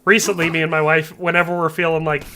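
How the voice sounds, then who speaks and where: A man's voice: on the high side, flat delivery, quick pace, bright, forceful tone, a little hiss or hum. A young man from the US Upper Midwest, a game streamer chatting casually, reading chat aloud and laughing easily.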